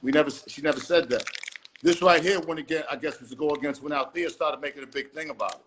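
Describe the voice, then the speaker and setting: A man's voice: a little high, steady tone, fast talker, fairly bright tone, a little hiss or hum. A man being interviewed in a casual live video call, speaking emphatically and profanely, often repeating and restarting phrases. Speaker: interview guest.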